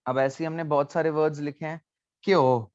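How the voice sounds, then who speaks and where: Male teacher for an online class, a bit higher voice, repeats words and quizzes students, dry dull lo-fi sound. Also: steady tone, fairly quick, darkish tone, no room sound. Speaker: language teacher.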